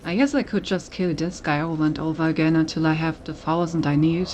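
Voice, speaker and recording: A woman's voice: deep voice, fairly quick, darkish tone, a little hiss or hum. A woman game streamer giving casual gameplay commentary, thinking aloud as she goes. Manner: thinks aloud, reads on-screen text.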